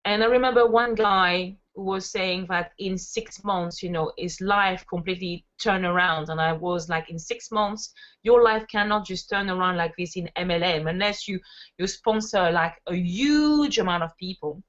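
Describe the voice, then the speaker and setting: This is a fairly bright, lowish voice at normal speed, belonging to a thirtysomething Frenchwoman who works in network marketing. She's a guest in a relaxed interview, spinning stories full of fillers, captured on dull lo-fi audio.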